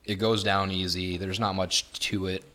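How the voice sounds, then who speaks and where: A man's voice: low-pitched, flat delivery, normal speed, bright, forceful tone. A man in a casual podcast chat, easygoing and plainspoken.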